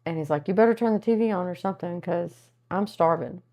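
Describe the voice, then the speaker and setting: A married woman co-hosting a casual chat podcast, animated and quick to laugh, acting out what others say. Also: lowish voice, highs cut off. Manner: animated, laughs often, acts out quotes. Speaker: podcast co-host.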